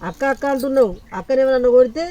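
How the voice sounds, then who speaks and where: Older woman, scolding grandmother, rapid speech, fairly high voice. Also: dark tone. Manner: scolding, lecturing. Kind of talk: family skit acting.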